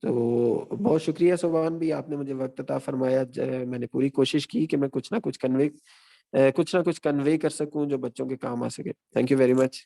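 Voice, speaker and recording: Gravelly, mellow-toned male lecturer. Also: medium pitch, steady tone. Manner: measured, explanatory, recaps points. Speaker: guest lecturer. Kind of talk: online teaching session.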